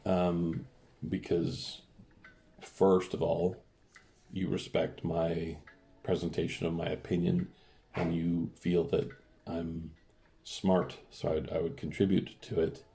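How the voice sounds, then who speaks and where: A middle-aged father, appearing as a podcast guest, chats casually and teases his daughter with dry, jokey humor. His voice sits low and mellow, with a flat, slow delivery and some vocal fry.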